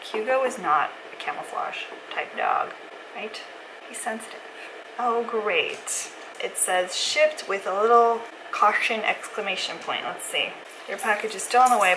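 A young woman vlogger chatting casually to the camera in a room at home. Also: fairly low pitch. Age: young adult. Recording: noisy room sound.

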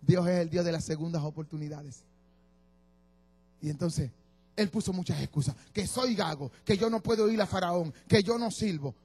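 A man's voice: high-pitched, moderate pace, darkish tone, slightly rough, faint music behind. A man preaching a sermon, exhorting his congregation and leading them in call-and-response.

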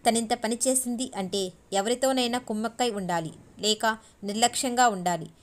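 Woman reading a novel audiobook, steady measured pace, higher-ish voice. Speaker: audiobook narrator.

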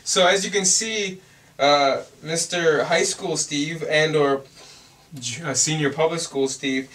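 Earnest young man vlogging, bright voice. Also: fairly high pitch, far from the mic. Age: young adult. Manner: rambling, earnest, many fillers and restarts. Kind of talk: casual reflective vlog.

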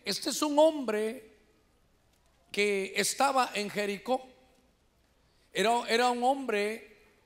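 A Honduran man preaching from the pulpit with a strikingly high voice. He talks in an animated, energetic way, keeps calling his listeners "brother," and raises his voice when he acts out people crying out. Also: vocal fry. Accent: Honduran Spanish. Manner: animated preaching, often addressing listeners as "hermano"; shouts when voicing quoted cries. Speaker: pastor. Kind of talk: sermon. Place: church sanctuary.

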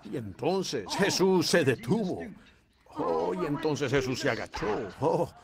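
Fervent high-voiced male preacher. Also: vocal fry. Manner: fervent preaching, rising to shouts, drawn-out emphatic phrases. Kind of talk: sermon.

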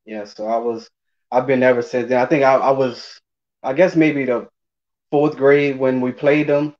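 A man's voice: medium pitch, level tone, moderate pace, darkish tone. A man in his forties with a New Orleans accent, chatting casually and hesitantly as an interview guest over a video call. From New Orleans, Louisiana. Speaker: interview guest, former college running back. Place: indoors, remote video call. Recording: dull lo-fi video call audio.

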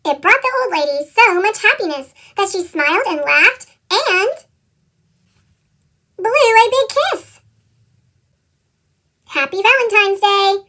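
A chipmunk storyteller with a tiny, extremely high helium voice. The sound is squeaky and very bright. It recites a children's storybook in a playful, rhythmic sing-song. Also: lively intonation, slow pace, pauses often, full character voice. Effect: pitched-up chipmunk helium voice filter. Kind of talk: scripted children's storybook read-aloud.

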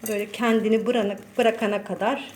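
A woman's voice: mid-range voice, fairly even intonation, fast talker. A woman hosting a casual home cooking tutorial, chatting to her viewers as friends while she works. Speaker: cooking channel host. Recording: roomy echo, faint background noise.

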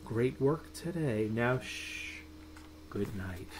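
A medium-pitched voice with lively intonation belongs to a middle-aged man reading a rhyming bedtime book aloud in a small room at home, with slight background noise. His delivery is sing-song and drawn out, ending lines with quiet, hushed goodnights.

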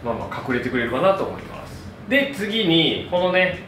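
Here a hairdresser in his thirties delivers a friendly, upbeat hair tutorial to camera step by step. His voice is a little high and fairly bright, with big pitch swings and a moderate pace. There's slight hiss or hum, a roomy echo from the distant mic, and background music.

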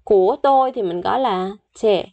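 A woman's voice: medium pitch, vocal fry, muffled recording. Woman teaching Korean, repeating words. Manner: repeats words slowly for practice, chatty with soft sentence endings. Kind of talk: online language lesson.

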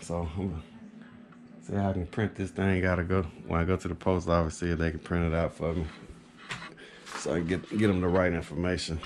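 A man with a deep, darkish voice, an HVAC technician and video host, speaks informally into a handheld camera in a small carpeted home office indoors. He rambles through a product update matter-of-factly, and the recording carries a light layer of background noise.

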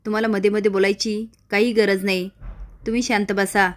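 A woman's voice: mid-range voice, level tone, a little fast, close to an everyday voice. A woman reading the lines of a proud, stern unmarried woman in an earnest way.

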